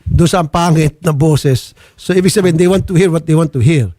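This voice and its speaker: A man's voice: fairly high pitch, brisk, dark tone, no room sound. A man hosting a complaint program, firmly questioning the people in front of him and repeating their answers back. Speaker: program host.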